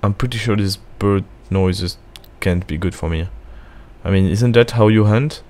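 A man's voice: fairly low pitch, normal speed, a little mellow. A man giving casual, anxious gameplay commentary while he plays, muttering to himself. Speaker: gaming video host.

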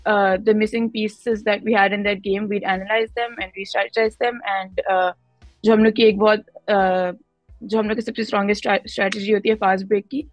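Fast Pakistani woman mixing Hindi-Urdu and English. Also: medium pitch, dry recording, highs cut off. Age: young adult. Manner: mixes Hindi-Urdu and English mid-sentence. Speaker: basketball player, interview guest. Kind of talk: conversational interview answers. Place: indoor room, on a video call.

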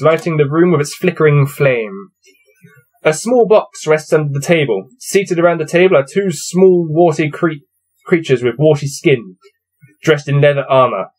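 A husky, somewhat mellow, high-leaning voice comes through a rough recording as a young man in his twenties reads a fantasy gamebook aloud. At his desk in a small, cluttered shelved room indoors, he talks casually over his dice rolls, laughing with amusement.

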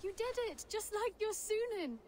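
An actress playing a confident, breezy young huntress companion in a video game. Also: female voice, very high voice, lively intonation, normal speed, a little mellow, a little hiss or hum. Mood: confident, urging.

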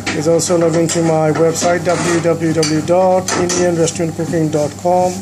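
A woman hosting a cooking channel, narrating a kitchen demonstration in a halting, polite way and correcting herself as she goes. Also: sits low, little pitch movement. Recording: sizzling kitchen noise behind the voice. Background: sizzling pan and clanking spoon.

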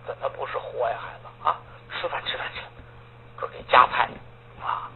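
A man voicing a warm-hearted, fatherly old man who talks gently and coaxingly. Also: mid-range voice, a little fast, natural voice. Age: older. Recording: tinny phone-like audio, faint hiss.

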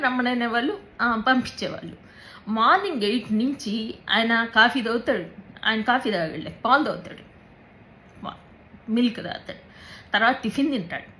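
A woman giving a personal account in an interview, speaking haltingly, repeating words and mixing in English words. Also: fairly high pitch, a bit bright, slight background noise, low-quality recording. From Andhra Pradesh, India.

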